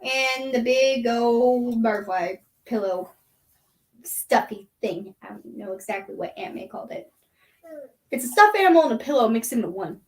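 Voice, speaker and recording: High-voiced chatty woman vlogger. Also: lively intonation, normal speed. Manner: rambling, chatty, baby talk to a toddler. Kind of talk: casual chat. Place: bedroom.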